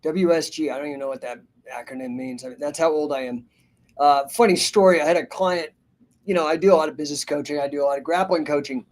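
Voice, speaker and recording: Chatty fifty-year-old man, somewhat high. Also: fast. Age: 50s. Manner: rambling, chatty, reads viewer names and comments. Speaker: host and business coach. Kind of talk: casual livestream talk.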